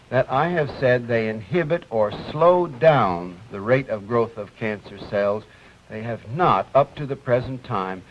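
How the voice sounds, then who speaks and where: Male physician presenter, hesitant and filler-heavy, heard through muffled 1950s TV broadcast audio with light hiss. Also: medium pitch. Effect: 1950s TV broadcast sound. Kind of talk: explanatory TV science presentation. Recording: dull lo-fi old TV audio, faint hiss.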